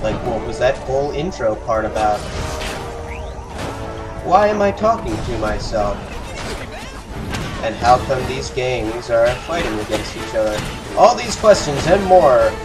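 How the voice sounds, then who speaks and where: A man rambles through casual commentary on a video game, full of fillers and self-deprecating asides. His voice is mid-pitched and sounds a bit off-mic. Clear game music plays underneath. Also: distant mic. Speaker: let's play gamer.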